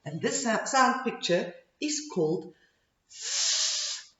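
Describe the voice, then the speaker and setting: A woman phonics teacher talks to young children in simple instructions, extremely slowly, with exaggerated modeling of each sound. Her pitch moves in an animated way, and the recording has a clear room echo. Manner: slow, exaggerated speech modeling, repeating words and sounds. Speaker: early-grade phonics teacher. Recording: dull, echoey room sound.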